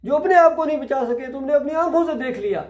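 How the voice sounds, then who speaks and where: A man's voice: very high voice, animated, quick pace, pitched above the performer's own voice. A man preaching who voices the prophet Abraham, a stern old man scolding idol worshippers, in an echoey room. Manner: forceful, scolding.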